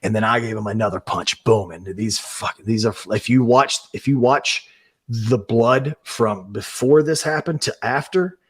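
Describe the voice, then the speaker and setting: A man's voice: mid-range voice, a little slow, breathy edge. A man in his thirties, a guest on a podcast, telling a story in an earnest, emotional way and swearing freely. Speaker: professional wrestler, guest.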